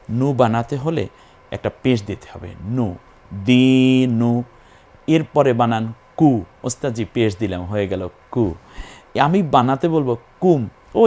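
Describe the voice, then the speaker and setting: A man teaching a recitation lesson step by step, spelling out syllables and drawing out the chanted words slowly. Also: mid-range voice, a little mellow.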